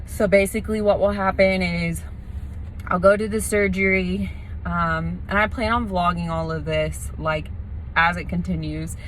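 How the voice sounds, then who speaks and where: Woman, lowish pitch, casual vlog talk, loose rambling delivery, faint background noise. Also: fairly even intonation, measured pace, a bit bright. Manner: informal, rambling explanation. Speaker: vlogger preparing for nose surgery.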